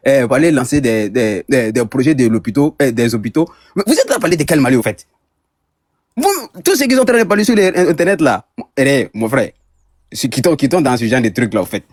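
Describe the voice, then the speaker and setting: An Ivorian man arguing in a heated online debate, hesitant with many restarts, turning loud when pushed. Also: fairly high pitch, no room sound, clean studio sound. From Côte d'Ivoire.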